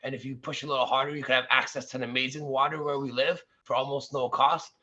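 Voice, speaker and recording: A man's voice: medium pitch, little pitch movement, fast talker, bright, forceful tone. Earnest man on a lo-fi video call. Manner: earnest, motivational. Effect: heard over a video call, connection freezing. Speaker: guest speaker at an online networking event.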